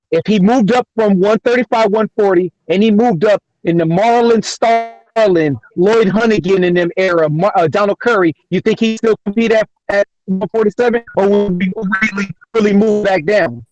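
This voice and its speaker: A man's voice: high voice, normal speed, a little mellow, highs cut off. A man on a video call with a breaking-up connection, insistently repeating his questions in a casual sports debate. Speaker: panelist.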